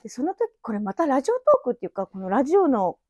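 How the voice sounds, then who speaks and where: Speaking quickly in a high-pitched voice with huge swings in pitch, a woman in her thirties reminisces on her casual solo podcast. Her tone is a little mellow, and she records in an empty house on a phone app mic, rambling and laughing lightly as she goes.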